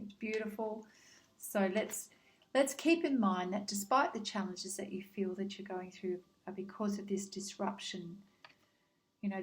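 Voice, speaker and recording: A woman doing a casual spoken tarot card reading, gentle and reassuring, with frequent ums as she speaks straight to the listener. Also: medium pitch, slight background noise, rough recording. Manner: addresses the listener directly by star sign.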